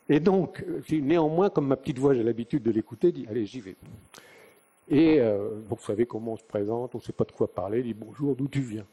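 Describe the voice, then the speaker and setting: A man's voice: mid-range voice, normal speed, warm tone, breathy edge. An older man from northern France giving a live conference lecture, telling stories and asking rhetorical questions. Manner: conversational storytelling with rhetorical questions. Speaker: conference speaker. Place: conference venue.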